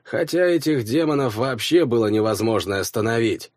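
Old half-elf elder woman, man reading, scratchy and solemn, slow, dry close audiobook voice. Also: medium pitch, lively intonation, no echo, natural voice. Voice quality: scratchy, creaking voice.

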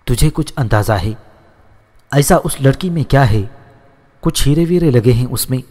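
A stern, hot-tempered old landlord barking insults and orders at his son, as a male narrator puts him on. The voice sits at an ordinary middle pitch for a man. It trails off into a long, ringing reverb. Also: animated, warm tone, lightly acted. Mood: angry scolding. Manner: scolding, insulting, commanding.

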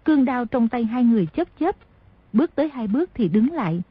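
A woman narrating a martial-arts novel as an audiobook, telling the story at a steady pace. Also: a little high, brisk, husky, dry recording. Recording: dry, dull lo-fi audio.

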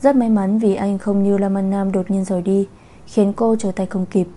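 Mellow-voiced woman narrating a romance story. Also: medium pitch, fairly even intonation, moderate pace. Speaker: audiobook narrator. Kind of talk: scripted narration of a romance novel.

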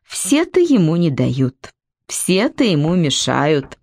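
A woman's voice: low voice, very animated, takes it slowly, darkish tone, dry recording, clean studio sound, heavily acted. A woman reading a story aloud, voicing a sarcastic, mocking young woman in a slightly raised voice. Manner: mocking, ironic.

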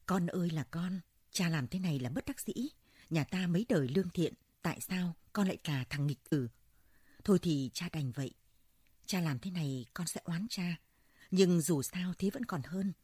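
A woman's voice: fairly low pitch, expressive, brisk, a little mellow, slightly rough, no room sound, clean studio sound. A woman voicing an old village healer father, sobbing and muttering, in a told folk story. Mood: grieving.

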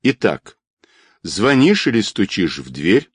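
A man reading an audiobook in an expressive, dramatic manner. His voice is low and his intonation moves a lot. The recording is dry and close. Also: slow pace, slightly rough, no echo. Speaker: audiobook narrator.

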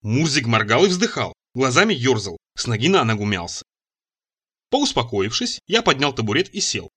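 A man reading an audiobook aloud in the first person, telling the story in an expressive, wry way. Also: medium pitch, moderate pace, breathy edge. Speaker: audiobook reader.

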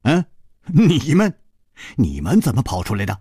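A man voicing a calm, gallant young hero in a storytelling audiobook, speaking in a measured, easygoing way. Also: medium pitch, husky, no room sound, studio quality, voice pushed up, full character voice.

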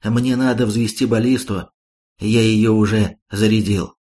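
A man reading the lines of a concussed young male fighter who speaks calmly and literally, as if detached. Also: lowish voice, unhurried, lightly acted.

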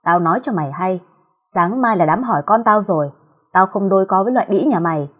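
A woman's voice: mid-range voice, expressive, brisk, darkish tone, slightly rough. A woman doing a cursing, scornful neighbor. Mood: scolding. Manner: grumbling, cursing, scolding. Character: coarse, scornful middle-aged woman neighbor.

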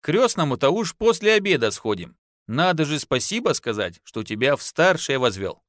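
Man doing a peasant wife, teasing, scolding, folksy, raised lively voice, audiobook, dry sound. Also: fairly high pitch, normal speed, no echo. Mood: homely. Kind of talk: audiobook narration.

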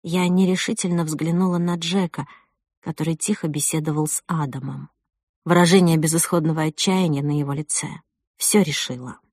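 Expressive woman narrating an audiobook. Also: sits low, moderate pace, no room sound, clean studio sound. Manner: expressive, rising with the drama. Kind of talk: first-person audiobook narration.

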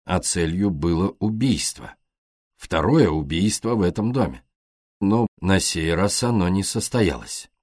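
A man voicing a brusque, blunt male police superintendent in an audiobook, in a flat, matter-of-fact way. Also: low voice, unhurried, no echo, studio quality. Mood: stern.

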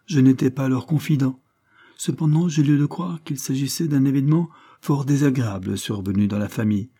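Sneering aristocrat cad, read by a guy, dark husky tone, loud. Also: medium pitch, a little fast, voice pushed up. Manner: sneering, offhand delivery, raised and loud. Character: callous, sneering aristocratic seducer, man.

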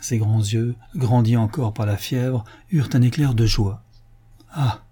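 Narrator: man, husky, mellow, measured literary reading. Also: medium pitch, fairly even intonation. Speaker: audiobook narrator. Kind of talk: scripted narration.

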